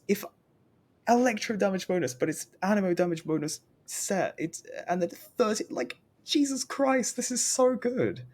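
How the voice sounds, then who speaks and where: A man streams a game while chatting casually, rambling and often interrupting himself. His voice is on the high side with a darkish tone, and the recording has some noise.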